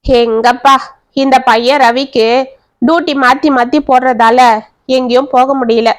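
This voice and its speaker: A woman's voice: high voice, fairly even intonation, unhurried, no echo. A woman doing a weary, bitter aunt. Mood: chatty. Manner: weary, resentful, sighing complaints.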